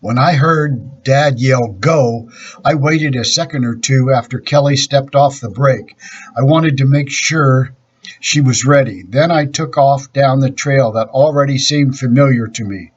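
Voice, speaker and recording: A man reads a children's story aloud at a steady, unhurried pace. His voice is husky and sits at an ordinary middle pitch. The recording sounds dull and lo-fi. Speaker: storybook reader.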